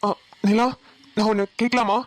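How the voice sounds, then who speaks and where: A woman voicing a patient young husband in a cartoon, speaking softly and apologetically. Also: medium pitch, level tone, moderate pace, no room sound, natural voice. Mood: coaxing. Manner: soft, coaxing, apologetic. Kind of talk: cartoon voice acting.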